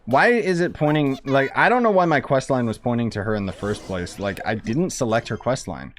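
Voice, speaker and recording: With game music in the background and a little noise, this streamer keeps up a brisk, casual play-by-play. His medium-pitched voice has lively intonation, though his commentary stays sarcastic and grumbly, with some mild swearing.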